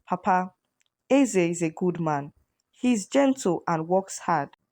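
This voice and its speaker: A woman voicing a calm, determined young chief's daughter with a gentle way of speaking. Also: on the low side, measured pace.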